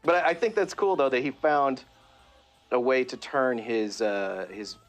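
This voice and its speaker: A man, a voice actor, talking in a casual interview in an animated way, often laughing. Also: medium pitch, unhurried, faint music behind. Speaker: voice actor guest.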